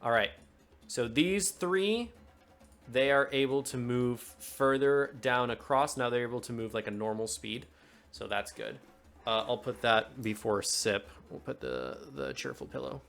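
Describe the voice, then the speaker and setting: A man's voice: mid-range voice, lively intonation, measured pace, vocal fry, fairly bright tone, soft background music. A man running a tabletop game as game master, narrating in a loose, chatty way. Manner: loose and chatty, fumbles with tools mid-scene.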